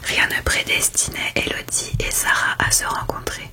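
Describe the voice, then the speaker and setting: A woman speaking in a hushed, unvoiced library whisper, chatting about books in an ASMR style. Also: moderate pace. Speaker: ASMR creator reviewing books. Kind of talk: whispered ASMR book chat.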